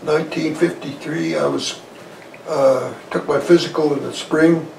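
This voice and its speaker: Gravelly, halting and folksy, this elderly man in his eighties is a Korean War veteran giving a conversational oral-history recollection. His pitch is fairly high and his tone steady. Seated in an armchair in a small living room, he's recorded on a lavalier clipped to his shirt, with roomy, distant sound and faint noise.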